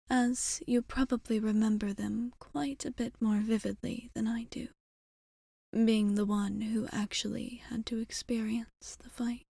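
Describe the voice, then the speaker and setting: In a whispered ASMR roleplay, a woman plays a tender, old-souled vampire bartender, speaking softly, deliberately and a bit formally with clear affection. Her breathy whisper sits a little high and sounds exaggerated, with no echo.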